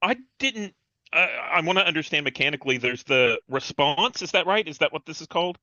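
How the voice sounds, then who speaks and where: Bright-voiced man, curious game player. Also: a little high, animated, a little fast, no echo, muffled recording. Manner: curious, asks about game rules. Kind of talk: tabletop roleplaying chat.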